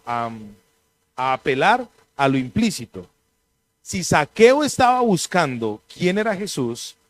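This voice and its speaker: A man preaching a sermon, telling stories animatedly and clearing his throat now and then. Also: fairly high pitch, no room sound. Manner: animated storytelling, mimics voices in anecdotes.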